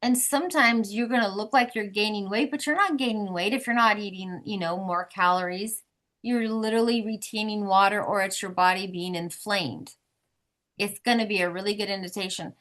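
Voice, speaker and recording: With a medium-pitched, slightly bright voice at a normal speed, a woman gives instructions to her weekly support group by video call. She's chatty and encouraging throughout the casual group talk.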